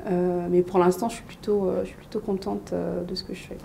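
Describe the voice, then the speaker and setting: A woman in her thirties from Mali, a business coach and guest on an interview, speaking casually with many pauses and fillers. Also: lowish voice, vocal fry, slight background noise. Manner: hesitant, many fillers and restarts, lively storytelling.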